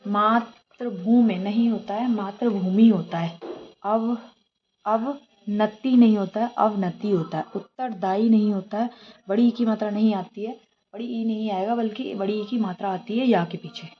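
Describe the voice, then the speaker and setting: A woman's voice: mid-range voice, normal speed, highs cut off. Woman teacher reading spellings aloud. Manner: explains each word, asks and answers her own questions. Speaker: exam prep teacher. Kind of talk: lesson reading a book aloud.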